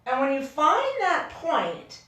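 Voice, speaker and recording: A woman instructing a yoga class in a careful, unhurried way, gently cueing each step with informal encouragement. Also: high voice, huge pitch swings. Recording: very echoey room, distant microphone.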